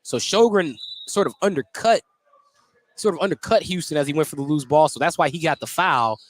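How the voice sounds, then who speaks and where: Talking fairly quickly in a voice on the high side, a radio announcer gives live basketball commentary from courtside. The indoor gym's noise and a bouncing basketball sit behind his voice.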